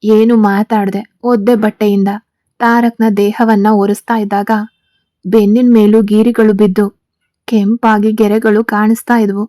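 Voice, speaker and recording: A woman reading a serialized story in a steady, even way. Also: mid-range voice, a little slow, no room sound.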